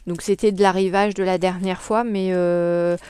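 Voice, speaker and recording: A woman's voice: lowish voice, level tone, moderate pace, a little mellow, clean tone, dry recording. A woman chatting casually in a crafting haul vlog, hesitating often with many fillers. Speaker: crafting vlogger. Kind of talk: casual haul video chat.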